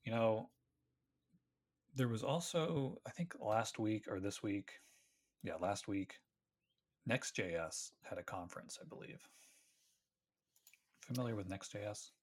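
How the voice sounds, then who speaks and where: A man co-hosting a casual tech podcast gives long, rambling explanations and keeps correcting himself along the way. His voice is fairly low in pitch, and he speaks at a measured pace with frequent pauses.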